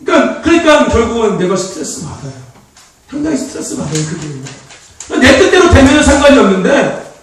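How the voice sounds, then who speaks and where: A man preaches to his congregation in a loose, talkative way, laughing as he goes and calling out for amens. His voice sits very high and leaps around a lot in pitch. The sound is strongly echoey and distant, with a faint hiss of noise behind it. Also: a little fast. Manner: animated and chatty, laughs often, prompts the congregation for amens. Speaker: pastor. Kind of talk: informal sermon. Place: church sanctuary.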